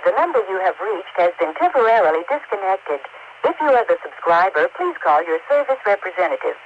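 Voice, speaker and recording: A woman's voice: medium pitch, very animated, brisk. A woman giving a formal recorded telephone announcement, her words spliced together from separate recordings. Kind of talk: recorded phone intercept announcement. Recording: dull lo-fi phone line with faint hiss.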